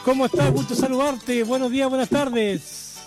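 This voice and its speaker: A man hosting a live community radio show, greeting listeners over and over and firing off quick questions. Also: very high voice, steady tone, soft background music. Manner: effusive, repeats greetings, rapid-fire questions.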